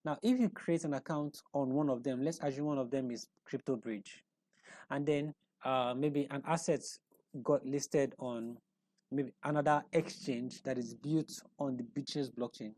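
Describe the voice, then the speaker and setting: A man's voice: mid-range voice, fairly even intonation, a little slow, a little mellow, dry recording. A man presenting an online explainer, talking through a screen walkthrough off the cuff, with frequent restarts, repeated words and rhetorical questions to the viewer.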